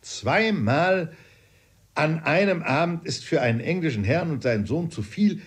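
A man voicing a hot-tempered English gentleman father who exclaims with raised voice. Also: medium pitch, very animated, measured pace, breathy edge, full character voice. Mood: jesting. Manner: exclaiming, raising his voice.

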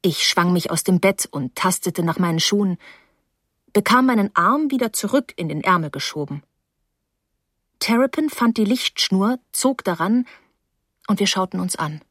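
A woman reading a first-person novel aloud in a quiet, measured storytelling voice. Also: fairly low pitch, breathy edge, no room sound, clean studio sound. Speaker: audiobook reader. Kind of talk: scripted first-person narration.

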